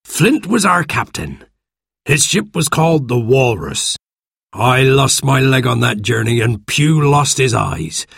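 A man's voice: mid-range voice, big pitch swings, a little slow, vocal fry, a bit bright, husky, dry recording, studio quality, heavily acted. Man voicing Long John Silver, sly pirate. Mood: boastful. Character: one-legged pirate cook, scheming and falsely friendly.

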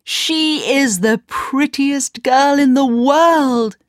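An earnest, smitten young prince from a storybook, spoken in a lightly raised voice by a woman reading aloud. The delivery is very slow and the sound is dry and close. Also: high-pitched, dry recording, pitched above the performer's own voice. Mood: adoring.

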